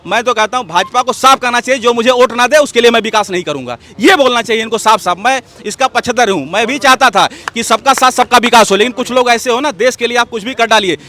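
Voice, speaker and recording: High-pitched, forceful combative man. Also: quick pace, few pauses. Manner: emphatic, combative, keeps saying "look" and "listen". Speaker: political commentator guest. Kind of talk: heated political interview.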